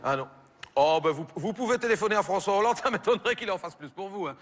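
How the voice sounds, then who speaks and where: A Belgian French comedian on stage, doing one side of a phone call, stammering and bemused. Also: male voice, sits high, lively intonation, fast, big-room sound. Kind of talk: stand-up phone sketch. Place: theater stage with audience.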